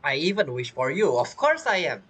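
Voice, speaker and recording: Husky, low-pitched, and fairly bright, this woman's voice is very animated at a moderate pace as she plays a video game. Her commentary is casual and playful, teasing and reacting to dialogue, with faint game music in the background.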